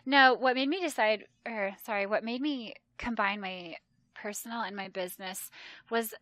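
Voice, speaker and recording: A travel agent in her thirties is a podcast guest in a casual conversational interview, chatting animatedly and mimicking voices when she retells quotes. Her voice is medium in pitch at a moderate pace, and the recording is dry.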